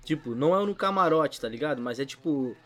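Rio man talking thick street slang, highish voice. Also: lively intonation, quick pace, a bit bright, faint music behind. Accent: Rio de Janeiro. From São Gonçalo, Rio de Janeiro state, Brazil. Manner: Rio street slang, full of filler tags. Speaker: podcast storyteller. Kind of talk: casual podcast anecdote.

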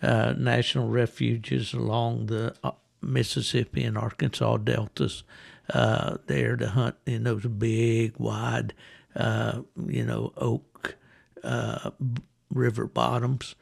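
A man hosting a conversational interview, explaining things for listeners in an unhurried, scene-setting way. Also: medium pitch, little pitch movement, vocal fry. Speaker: podcast host.

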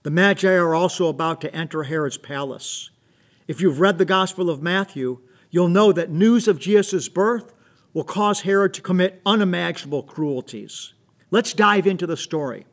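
A man with a notably high voice hosts and introduces the story. He reads his scripted lines in an informative, direct way. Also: normal speed. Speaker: host.

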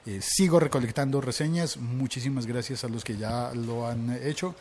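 A man's voice: mid-range voice, normal speed, a little mellow, slight background noise. A man hosting a casual podcast, joking and reading listener comments aloud. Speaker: podcast host.

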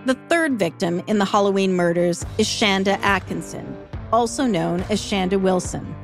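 Over clear background music, a woman narrates a true-crime podcast from a script. Her delivery is steady and measured, at a medium pitch.

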